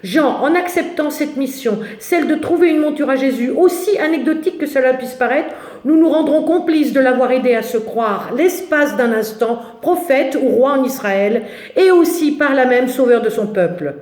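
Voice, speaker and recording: A woman's voice: sits high, lively intonation, normal speed, darkish tone. A woman voicing an anxious, indignant male disciple who grumbles and exclaims in a dramatic biblical story. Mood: agitated, indignant. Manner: agitated, complaining, exclamatory. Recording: echoey, roomy sound.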